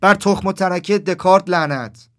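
A man doing a shrill, screaming hothead crow. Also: dry recording, clean studio sound. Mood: furious. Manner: shouting, furious.

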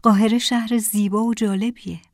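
A woman narrating a first-person story in a calm, measured way. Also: fairly high pitch, no echo, clean studio sound.

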